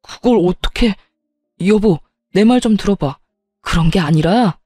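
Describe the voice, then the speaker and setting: A woman's voice: mid-range voice, animated, measured pace, warm tone, dry recording. Pleading cheating husband, read by a woman. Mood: defensive. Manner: begging, making excuses.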